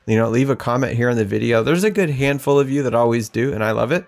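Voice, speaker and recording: A man's voice: mid-range voice, fast, creaky. A man hosting a podcast in a casual, joking, chatty way. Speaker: podcast host. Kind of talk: casual chat.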